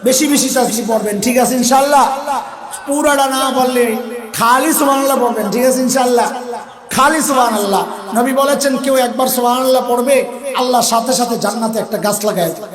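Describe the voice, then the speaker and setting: Male preacher, very high voice, animated sermon with shouted questions and slow chanted verses, echoey with a crowd. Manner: chants Arabic verses slowly.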